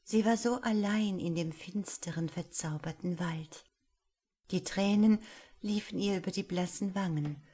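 A woman reading a fairy tale aloud, gentle and at times hushed. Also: lowish voice, husky. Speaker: storyteller.

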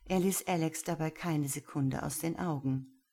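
A woman narrating a story aloud in a steady, measured way. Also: low-pitched, breathy edge.

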